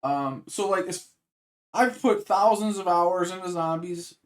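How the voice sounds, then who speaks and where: A man's voice: high voice, unhurried. Rambling man reacting to a video. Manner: rambling, full of fillers and restarts. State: hiccups. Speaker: reaction streamer. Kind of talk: rambling casual commentary.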